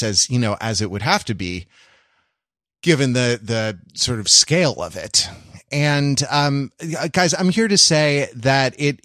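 An American man co-hosts a podcast, casually telling anecdotes in a rambling, wry and erudite way. His voice is mid-range and slightly bright, recorded in a clean studio with no echo.

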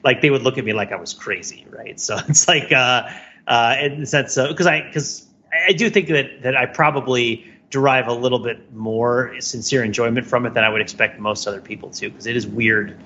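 A man co-hosting a casual podcast chats in a rambling, self-deprecating, wry manner. His medium-pitched voice is sharp and fairly quick, and the recording sounds muffled.

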